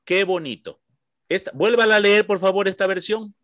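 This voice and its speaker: A man's voice: high voice, a bit bright. A man with an Ecuadorian accent teaching a Bible study class, explaining patiently, repeating key points and checking that his listeners follow. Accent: Ecuadorian Spanish. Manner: explanatory, checks understanding with short questions; repeats points slowly for emphasis.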